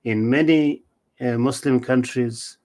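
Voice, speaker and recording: A middle-aged man from Bangladesh, answering interview questions as an author in a measured, halting way with many fillers. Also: mid-range voice, steady tone, darkish tone. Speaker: author and marriage celebrant, interview guest.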